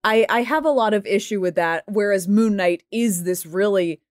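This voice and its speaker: Animated woman with dry close sound. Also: mid-range voice, dry recording. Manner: animated, opinionated, quick asides. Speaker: podcast co-host. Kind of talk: casual chat.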